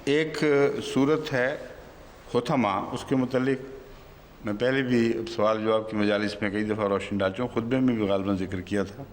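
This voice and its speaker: A man's voice: on the low side, long reverb tail, slight background noise. A man giving an unscripted religious lesson in a conversational manner, stopping now and then to question a helper. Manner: conversational, breaks off to quiz a helper. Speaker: religious teacher giving Quran commentary. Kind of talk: unscripted sermon-like lesson to a gathering.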